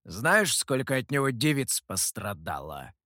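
A man's voice: mid-range voice, big pitch swings, a little slow, sharp tone, no echo, pitched below the performer's own voice. A man voicing a brash, playful male monkey demon who boasts and teases, read in a very dry, close sound. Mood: teasing. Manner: boastful and teasing.

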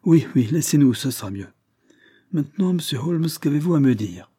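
A man's voice: a little high, lively intonation, normal speed, warm tone, husky, dry recording, studio quality, pitched above the performer's own voice. A man voicing a proud, stern aging aristocrat who speaks in a stately, impatient way in an audiobook reading.

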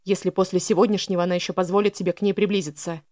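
A man's voice: high-pitched, little pitch movement, rapid-fire, darkish tone, no room sound, studio quality, close to an everyday voice. A woman voicing a stern, protective older brother who gives harsh orders. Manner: harsh, commanding.

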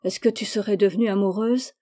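A woman reading the lines of a brave, guileless young Native man, speaking plainly with a gentle tease. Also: medium pitch, steady tone, brisk, natural voice. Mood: teasing.

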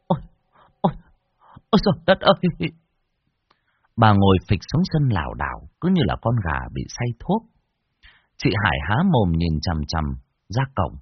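A man narrating a horror story in a dramatic, expressive way. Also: on the low side, breathy edge, no echo, muffled recording.

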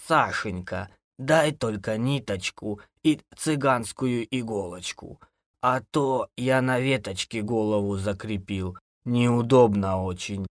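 A creepy old ghoul from a horror audiobook, voiced by a man, coaxing in an unhurried, sugary drawl. The voice sits a touch lower than a normal speaking tone, and the recording is dry and close. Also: dry recording. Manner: slow, wheedling, falsely gentle. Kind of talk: audiobook character voice.

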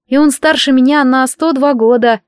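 Woman doing bossy dark witch, emphatic, loud, high, audiobook reading. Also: normal speed, clear, resonant tone, no echo, clean studio sound, lightly acted. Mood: exasperated. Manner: emphatic, exclaiming. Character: exasperated young dark witch, blunt and bossy.

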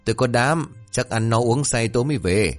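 A man's voice: medium pitch, fairly quick, no room sound, soft background music, lightly acted. A man voicing a pleased older village man who boasts about a feast. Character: cheerful older village man, hired mourner.

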